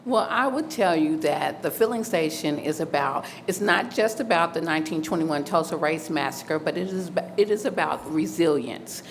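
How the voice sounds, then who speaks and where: A woman's voice: low voice, moderate pace, hardly any pauses. A woman from Ohio, a novelist, speaking earnestly and confidently about her book on a festival panel. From Ohio, USA. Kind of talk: panel talk.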